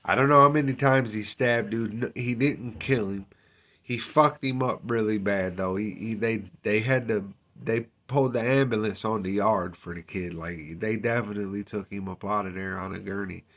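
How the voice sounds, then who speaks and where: A man telling a story in a casual, slangy, unhurried way, with lots of fillers and swearing. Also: fairly low pitch, fairly bright tone. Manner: street slang, frequent fillers and profanity, unhurried. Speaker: storyteller recounting his time in prison.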